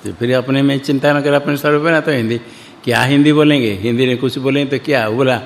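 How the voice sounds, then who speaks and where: Man, mid-pitched, spiritual teacher giving a loose, repetitive discourse, Sanskrit recitation, long reverb of a big hall. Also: fairly even intonation, fast talker, a little hiss or hum. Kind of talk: scripture discourse in Hindi.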